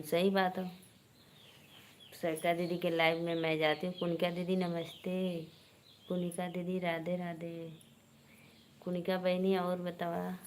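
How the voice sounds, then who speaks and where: A woman's voice: on the low side, slight background noise. Teasing woman chatting on a livestream. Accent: Awadhi. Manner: chatty, teasing, greets commenters by name. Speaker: live stream host. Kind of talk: casual live chat with viewers.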